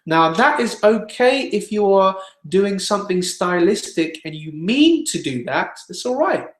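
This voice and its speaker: A man's voice: high-pitched, big pitch swings, a little slow, fairly bright tone. A man teaching singing in an online webinar, explaining patiently and demonstrating scales. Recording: echoey room.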